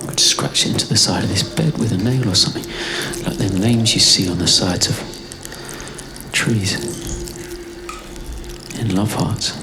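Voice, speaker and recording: With a lowish voice and moderate pace, this performance artist pauses often while reciting his own spoken-word piece. He muses conversationally and repeats his phrases, recorded live in a noisy club with prominent music behind him.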